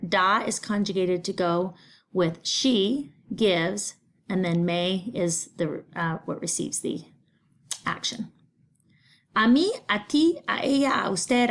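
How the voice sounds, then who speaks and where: A middle-aged woman, patiently teaching a recorded Spanish lesson, explaining grammar step by step. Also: fairly low pitch. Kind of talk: recorded remote class lesson.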